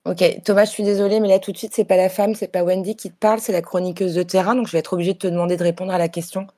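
A woman's voice: lowish voice, little pitch movement, very fast, warm tone, natural voice. A woman playing a pushy, self-important field reporter who keeps pressing her questions in a comedy sketch. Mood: insistent. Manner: insistent, bossy.

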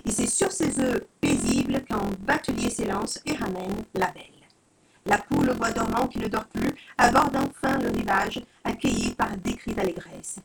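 A woman storyteller reading a children's story aloud with expressive, dramatic narration. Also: very deep voice, normal speed, vocal fry, poor audio. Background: soft music.

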